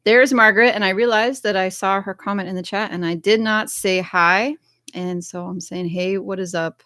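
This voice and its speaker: A woman's voice: medium pitch, steady tone, normal speed, sharp tone, no echo, studio quality. An American woman hosting a casual livestream, chatting upbeat and reading viewer comments aloud. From United States. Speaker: livestream host.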